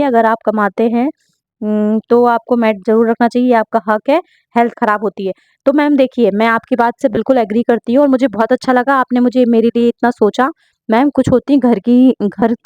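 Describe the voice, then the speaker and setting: A young woman with a fairly high voice talks earnestly and at length, answering viewers' questions about her home baking business. She keeps checking in with her listeners as she goes. The recording sounds dull and dry, as if made close up at home. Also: dry recording. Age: young adult. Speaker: home baker. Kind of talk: casual Q&A vlog.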